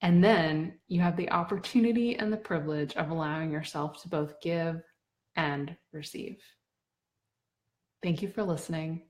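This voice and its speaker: Woman, 30s, slightly low pitch, earnest reflective storyteller. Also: normal speed, a little mellow. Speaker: blogger sharing a personal story. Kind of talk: reflective personal talk to camera.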